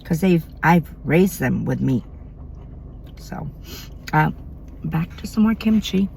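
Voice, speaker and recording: A woman's voice: deep voice, animated, takes it slowly, creaky, darkish tone, slight background noise. A middle-aged woman from Maine chatting casually between bites in an eating vlog at home at night. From Maine, USA. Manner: chatty, eats between sentences. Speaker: mukbang vlogger.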